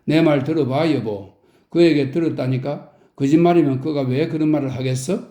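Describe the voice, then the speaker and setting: A man's voice: on the high side, moderate pace, warm tone, natural voice. A man voicing a sly middle-aged husband who teases his wife at a café table, in a roomy recording. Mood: calm. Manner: sly, smug, teasing. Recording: roomy echo.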